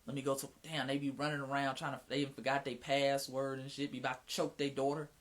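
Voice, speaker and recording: Fast and flat, this mid-range male voice belongs to a livestream host from Atlanta with a Southern Mississippi twang. He keeps the talk casual, slangy and frank, swearing here and there and restarting his sentences a lot.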